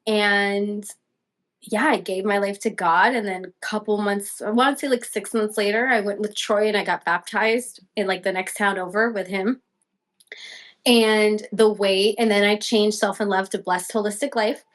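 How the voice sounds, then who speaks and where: A young woman guest telling a personal story, acting out her own quotes with big leaps in pitch. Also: steady tone, normal speed. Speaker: podcast guest.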